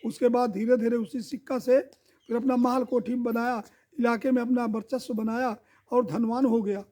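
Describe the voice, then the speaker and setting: A man telling a devotional folk tale in a lively oral style, repeating sound words. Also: very high voice, moderate pace. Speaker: storyteller.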